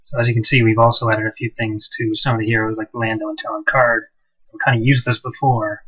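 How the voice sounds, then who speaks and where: A game mod developer narrates gameplay in a relaxed way, his voice low-ish and slightly rough, full of "uh"s and loose restarts. He's on an old, cheap microphone that makes everything sound muffled and hollow, as though he's talking from the bottom of a well.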